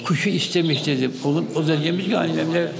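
Man, gravelly voice, chatty storyteller, crowd chatter around. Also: a little high, fast talker. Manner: anecdotal, repeats "he said" often. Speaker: bird keeper. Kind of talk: storytelling in interview.

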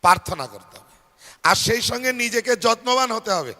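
A man's voice: extremely high pitch, very animated, normal speed, sharp tone. A male preacher with a Bengali accent giving a devotional sermon, asking the crowd questions and having them repeat phrases after him. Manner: rhetorical questions to the audience. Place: large hall at a devotional fair. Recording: long hall reverb.

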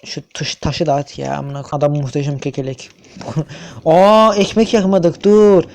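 A man's voice: fairly high pitch, fairly even intonation, moderate pace, creaky, darkish tone. A young man giving casual, chatty commentary over his own gameplay, swearing, stammering and humming to himself. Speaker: gaming youtuber.

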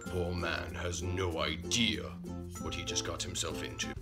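Man as low, fussy gorilla dad, music behind. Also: level tone, unhurried. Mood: doubtful, warning. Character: gruff, fussy male gorilla boss and father. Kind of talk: amateur plush-toy puppet skit.

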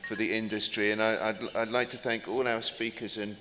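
Brief: middle-aged male moderator, low and monotone, halting closing remarks, hall reverb. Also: music in the background. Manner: halting, with ums and restarts. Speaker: panel moderator. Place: large conference hall. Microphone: table microphone. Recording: reverberant hall, faint noise.

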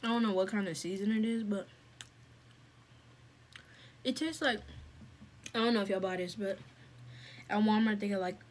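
This food vlogger has a medium-pitched voice and a moderate pace, pausing often as she eats and talks with her mouth full during a casual mukbang vlog. There's a faint fan hum behind her.

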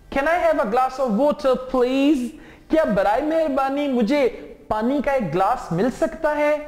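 A man from Pakistan with a Pakistani accent, teaching English phrases word by word and then translating them quickly. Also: very high voice. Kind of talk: language lesson. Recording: echoey room with long reverb.

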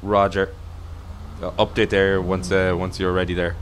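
A man role-playing a police radio dispatcher, halting and repeating himself as he gives instructions. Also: low-pitched, little pitch movement, a little hiss or hum. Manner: halting, repeats himself while searching for words.

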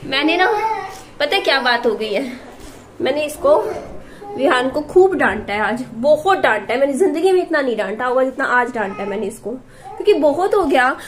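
Young mom vlogging at home, highish voice, scolds then coaxes her kid, a bit of noise behind. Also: expressive, normal speed. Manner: scolding yet coaxing, talks to child and viewers. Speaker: vlogger and mother. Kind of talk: casual home vlog chat.

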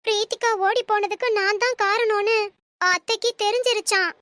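Cartoon young wife: anxious, defensive, very high and bright. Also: female voice, fairly even intonation, moderate pace, slight background noise. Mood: scared. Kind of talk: cartoon voice acting.

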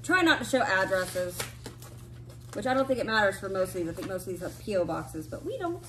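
A woman's voice: medium pitch, very animated, brisk, background noise. A woman in her thirties hosting a casual family unboxing chat at home, laughing often and talking over her kids. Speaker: family channel host. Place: home room with collectibles shelves, indoors. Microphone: fixed camera across a table.

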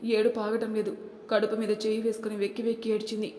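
A woman narrating a family story in a steady storytelling voice. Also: mid-range voice, quick pace. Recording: echoey room with long reverb.

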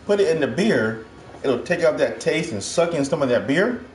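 A man's voice: on the high side, lively intonation, normal speed, noisy background. A middle-aged man from Ohio hosting a casual home cooking show, chatty and upbeat, calling his viewers guys, filmed by a far camera in a kitchen. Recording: echoey kitchen with music behind.

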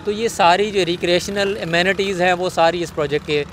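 A man's voice: high voice, brisk, fairly bright tone, a little hiss or hum. Polite Pakistani male property-show host. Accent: Pakistani Urdu. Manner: polite, with frequent short agreements.

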